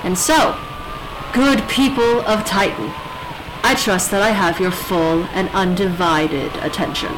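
A woman's voice: medium pitch, a little slow, background noise, natural voice. A woman playing a defiant rebel leader who broadcasts threats in a grand, coolly menacing manner. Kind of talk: audio drama acting.

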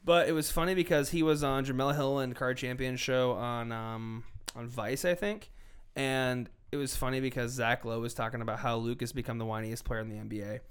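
A man co-hosting a sports podcast in casual chat, animated and profane, swinging between loud bursts and low asides. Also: fairly quick, clean tone. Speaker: podcast co-host.

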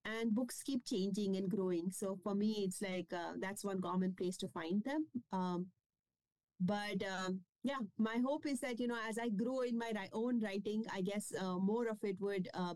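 A woman's voice: mid-range voice, moderate pace, darkish tone, dry recording, poor audio. A woman being interviewed about her children's books, talking casually with lots of fillers and restarts. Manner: chatty, many fillers and restarts. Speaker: children's book publisher and author.

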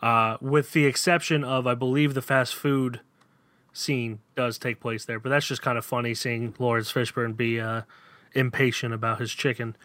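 A man's voice: mid-range voice, fairly even intonation, normal speed, a bit bright, no echo. A man co-hosting a podcast, reviewing films in a casual, hesitant way full of fillers. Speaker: podcast co-host. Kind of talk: casual chat.

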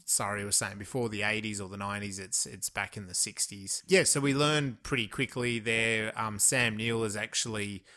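A man's voice: lowish voice, normal speed, few pauses, bright, forceful tone. A man with an Australian accent co-hosting a casual film discussion, chatty, laughing often and trailing off mid-sentence. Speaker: podcast co-host.

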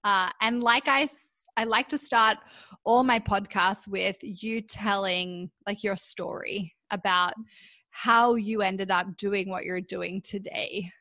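A woman's voice: medium pitch, fairly even intonation, slow pace, sharp tone, dry recording. A woman hosting her podcast, upbeat and laughing often as she introduces and interviews her guest. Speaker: podcast host. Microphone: remote call from her apartment.

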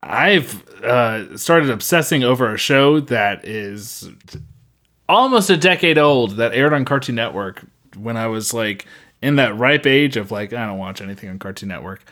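A man's voice: medium pitch, animated, unhurried, fairly bright tone. A man co-hosting a podcast in casual chat, rambling with many fillers and restarts. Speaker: podcast co-host.

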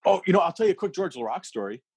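Husky-voiced male comic from Canada, animated storyteller, dry close sound. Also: sits high, very fast, dry recording. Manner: animated, laughs through his own story. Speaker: comedian guest. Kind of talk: casual storytelling.

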